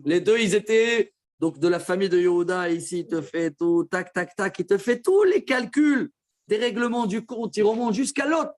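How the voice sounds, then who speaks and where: A man teaching a Torah class as a rabbi, explaining verses with quick asides to his listeners. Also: high-pitched, lively intonation. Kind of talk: Torah lesson.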